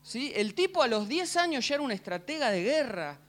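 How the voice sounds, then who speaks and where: An Argentine man preaching with a high-pitched voice that rises and falls dramatically. He tells the story in a playful, joking way and keeps asking his listeners for a "¿sí?" to confirm they follow. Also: brisk. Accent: Argentine Spanish. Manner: animated, jokey, keeps asking the crowd "¿sí?". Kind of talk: humorous sermon storytelling.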